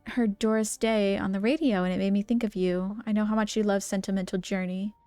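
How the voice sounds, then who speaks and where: A woman's voice: mid-range voice, a little mellow, dry recording. A woman streaming a game, reading in-game letters aloud and reacting with gasps and laughs. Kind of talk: let's play commentary, reading notes and letters aloud.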